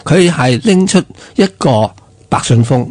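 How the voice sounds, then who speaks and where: A man's voice: mid-range voice, animated, unhurried, a little mellow, a little hiss or hum. A middle-aged man with a Hong Kong Cantonese accent, telling a long anecdote on a radio talk show with many fillers and questions to his co-host. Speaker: radio show regular, storyteller. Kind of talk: casual radio chat.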